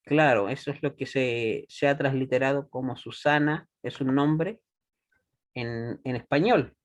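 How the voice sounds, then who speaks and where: A man teaching a Hebrew class, patient and deliberate, often checking that students follow. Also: medium pitch. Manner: patient, checks understanding with frequent "¿ya?"; slow and deliberate, repeats words for students. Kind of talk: classroom lesson.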